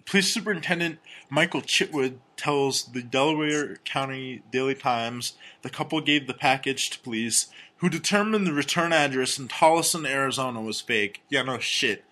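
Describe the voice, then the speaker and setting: A man co-hosting a casual comedy podcast, reading strange news stories and personal ads aloud with crude, deadpan jokes. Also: medium pitch, normal speed, hardly any pauses. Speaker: podcast co-host.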